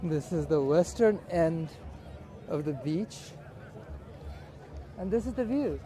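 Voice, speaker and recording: Slow, mellow man vlogging outdoors. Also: on the high side, lively intonation. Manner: unhurried, observational, speaking in short phrases. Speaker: live-streaming vlogger. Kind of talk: casual walking commentary. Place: outdoors at a busy beach and streets. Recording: outdoor crowd and street bustle. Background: crowd.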